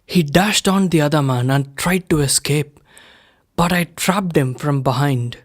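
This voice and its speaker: A man reading a first-person story aloud in a measured, unhurried way. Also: fairly high pitch. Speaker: reader of a story.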